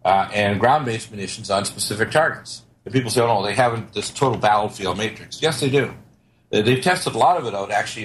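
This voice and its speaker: A low-pitched older man holds forth in a long paranoid rant about hidden schemes. He lectures with emphatic certainty as an interview guest, over clearly audible background noise. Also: rough recording. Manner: paranoid, ranting. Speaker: talk show guest. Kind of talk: long conspiracy-minded monologue.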